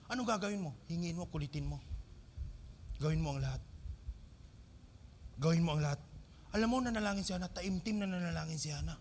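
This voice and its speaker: A man's voice: expressive, a little fast, pauses often, slight background noise. A male pastor with a Filipino accent, preaching a sermon to his congregation and asking them questions, mixing English phrases into his talk. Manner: swings between loud emphatic lines and quiet low asides.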